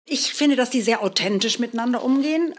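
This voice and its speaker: Woman, author interview, thoughtful, slightly high voice. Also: expressive, fast talker. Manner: thoughtful, searching for words. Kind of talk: interview answers.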